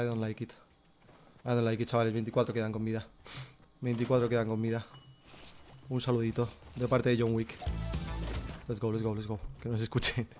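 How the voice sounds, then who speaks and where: A young man from Spain with a Spanish accent, live-streaming himself playing a game, excitable, swearing often and dropping English phrases into his commentary. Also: mid-range voice, a little hiss or hum. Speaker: gaming streamer.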